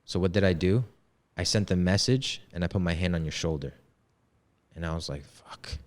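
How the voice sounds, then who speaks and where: Young man with a very low voice, relaxed and slangy; a guest telling a candid story on a podcast. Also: a little fast. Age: 20s. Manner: slangy and candid, heavy on "yo" and "bro". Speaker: podcast guest, men's coach. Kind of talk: casual storytelling.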